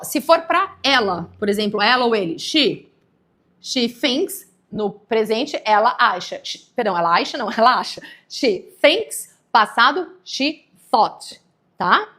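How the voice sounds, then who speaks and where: A woman's voice: a little high, animated, a little slow, a bit bright. A woman from Brazil teaching English grammar in a live online lesson, explaining patiently and checking in with viewers often.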